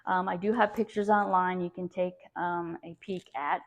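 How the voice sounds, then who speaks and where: A woman's voice: lowish voice, fairly even intonation, normal speed. A woman real estate agent gushing chattily through a casual walk-through tour of a house as she moves from room to room. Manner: gushing, chatty sales talk. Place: indoors, walking through a house. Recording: dull, lo-fi sound.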